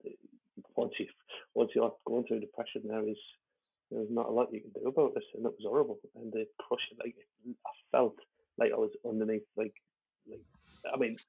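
A man rattles through a candid, rambling story, his husky, gravelly voice staying flat in pitch. He swears freely and restarts his sentences often. The audio is lo-fi and thin, like a phone line. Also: fairly quick, long pauses. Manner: rambling, with frequent fillers and restarts; swears freely and laughs while talking. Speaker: stand-up comedian guest.

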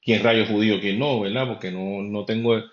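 Speaking fairly quickly in a lowish, fairly even voice, this man hosts a podcast and shares his views in a loose, conversational way aimed directly at the listener. He is from Puerto Rico and has a Puerto Rican Spanish accent, captured on a roomy, dull lo-fi recording.

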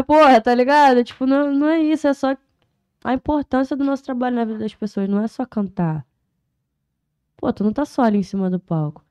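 A woman's voice: mid-range voice, dark tone, muffled recording. A woman, a rapper guest talking in a casual podcast interview, full of street slang and emphatic, heartfelt points. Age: 20s.

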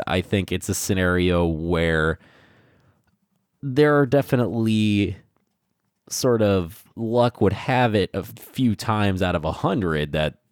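A man's voice: deep voice, a little mellow, no room sound, clean studio sound. A man co-hosting a podcast in casual chat, rambling with many fillers and restarts, on a podcast mic. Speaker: podcast co-host. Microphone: podcast microphone.

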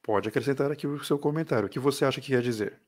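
A man's voice: mid-range voice, darkish tone. Man teaching English on a live stream. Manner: reads English phrases slowly for viewers to repeat; mixes English words into his talk.

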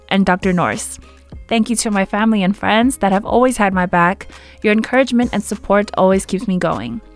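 A woman's voice: medium pitch, no echo. A woman reading scripted narration as the host of a podcast.

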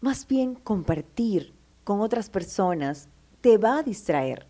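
A woman with a mellow mid-range voice speaks slowly but very animatedly as she motivates her listener. She uses "my love" tenderly, drives her points home with feeling, and acts out the listener's self-doubt.

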